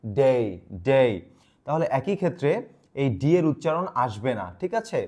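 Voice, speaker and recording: A man teaching English pronunciation in a lively, encouraging way, repeating words for the listener to copy. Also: on the high side, fairly quick. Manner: drills words aloud, animated and encouraging. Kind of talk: pronunciation lesson.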